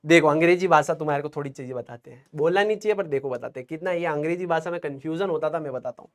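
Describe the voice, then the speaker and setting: Young male online tutor, high voice, chatty and joking with his class. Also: racing. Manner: playful, chatty, jokes with students between quiz polls. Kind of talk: live online chemistry class.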